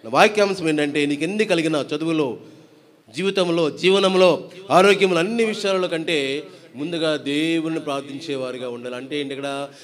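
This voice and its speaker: A male preacher with a brisk, somewhat high voice delivers a sermon in a large church prayer hall, with loud accompanying music playing behind him. He reads from the Bible, asks the congregation questions, and exhorts them to clap along as he leads songs.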